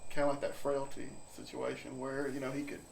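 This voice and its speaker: A man's voice: medium pitch, monotone, brisk, vocal fry, distant mic. A man co-hosting a casual podcast, laid-back and mostly answering with short agreements. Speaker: podcast co-host. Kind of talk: casual chat. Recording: roomy, set back from the mic, faint noise.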